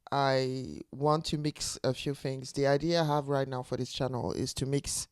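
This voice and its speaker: With a bass voice in a clean studio recording free of room sound, an Ivorian woman in her forties talks to camera off the cuff. She's a channel host and teacher, reflective in tone and searching for her words.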